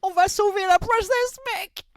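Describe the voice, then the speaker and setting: Un homme imitant l'âne bavard d'un dessin animé. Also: male voice, a little slow. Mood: goofy. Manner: high, jokey impression. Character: chatty talking male cartoon donkey.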